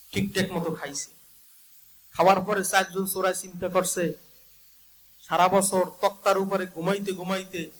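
A man's voice: high voice, fairly bright tone, poor audio. A male preacher, delivering a chanted, emotional sermon to a gathering and calling out to the crowd. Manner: sing-song, calls out to the crowd, drawn-out chanted lines. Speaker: Islamic preacher.

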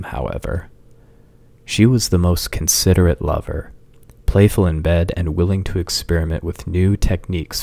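Deep, gravelly male storyteller. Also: warm tone, no room sound. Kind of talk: scripted narration.

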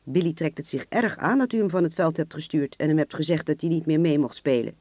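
Man playing a polite menacing hitman, soft-spoken, cold, dry studio sound. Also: on the high side, brisk, no echo. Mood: pleading. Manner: polite on the surface, coldly threatening. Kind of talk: radio play acting.

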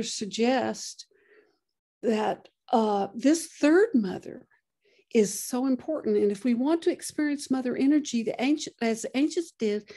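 A woman giving a lecture, often pausing and restarting her sentences. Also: fairly high pitch, dark tone. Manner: halting, many restarts and fillers. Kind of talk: lecture presentation.

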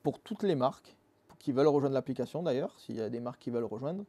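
An earnest app founder from Marseille, France, appears as a guest in a casual interview, talking fast in a mid-range, dark-toned voice that's quite expressive. He walks through his points step by step, leaning on fillers, in a dim motorcycle workshop studio.

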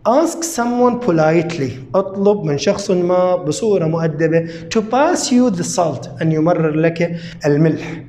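A man with an Iraqi Arabic accent explaining an English lesson, asking himself questions and then slowly repeating the answers word by word. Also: on the high side, animated, darkish tone, echoey room, a little hiss or hum. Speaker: English teacher.

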